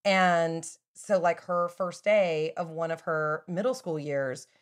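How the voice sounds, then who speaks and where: A woman's voice: lowish voice, slow. A middle-aged woman co-hosting a podcast, a mother chatting casually in a rambling way with many fillers. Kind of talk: casual chat.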